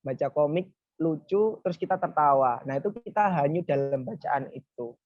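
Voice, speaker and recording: Relaxed religious speaker. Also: mid-range voice, normal speed, no echo. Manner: relaxed, explaining step by step, often saying "nah, itu gitu"; talks to a helper advancing slides. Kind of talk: casual Friday religious talk. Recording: dull, lo-fi, dry.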